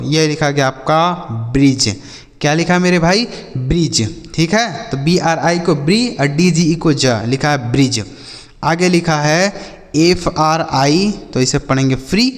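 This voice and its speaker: Guy teaching phonics, higher voice, keeps asking and answering himself, big echo. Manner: drilling, asks the class then answers himself; addresses learners as children and brother. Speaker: English teacher. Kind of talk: classroom phonics lesson.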